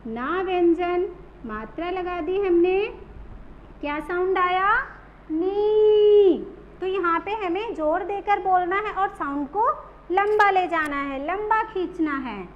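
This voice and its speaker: High-voiced woman teacher drawing out words. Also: highs cut off, a little hiss or hum. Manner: drawn-out, stressed pronunciation of example words. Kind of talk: children's phonics lesson.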